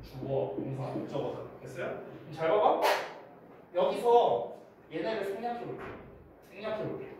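A man teaching English grammar to a class, talking emphatically and checking often that students follow. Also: high-pitched. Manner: emphatic, keeps checking students with quick questions. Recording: echoey room, mic far off, noisy.

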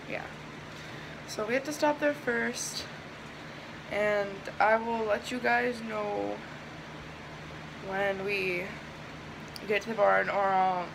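A woman's voice: medium pitch, vocal fry, noisy background. A young woman filming a casual vlog on a handheld phone, chatting in a rambling, self-correcting way while shopping and in a barn tack room. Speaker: vlogger. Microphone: handheld phone camera at arm's length.

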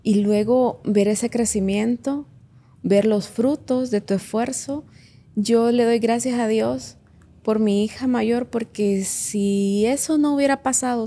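Earnest woman with a gravelly, dark voice. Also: on the high side. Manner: earnest, reflective, gives advice to listeners. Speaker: podcast guest, businesswoman and mother. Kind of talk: heartfelt personal testimony.

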